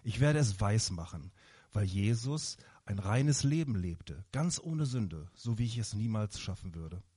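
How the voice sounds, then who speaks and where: A man's voice: lowish voice, animated, measured pace, husky. Man as a kind old candy maker. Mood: musing. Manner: gentle, explaining.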